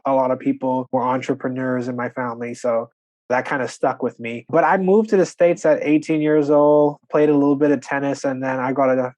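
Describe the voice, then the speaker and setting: A young man from the Bahamas, talking as a podcast guest in a mid-pitched voice. He tells his story easily and casually, filling his lines with "you know" and "like". The sound is dry and close, with no room around it. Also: a little mellow, no room sound. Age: 20s. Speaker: podcast guest, real estate investor. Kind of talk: conversational interview.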